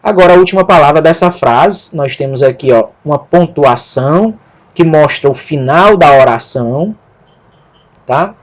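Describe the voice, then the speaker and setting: A man giving a Greek lesson, spelling out letters one by one and repeating words slowly. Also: a little high, lively intonation. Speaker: Greek teacher. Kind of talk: slow spoken lesson.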